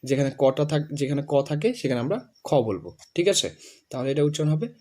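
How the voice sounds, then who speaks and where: A man teaching English pronunciation, saying each word slowly and over and over for a student to copy. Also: fairly high pitch, animated, mellow. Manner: repeats words slowly, drilling the student. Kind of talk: pronunciation lesson.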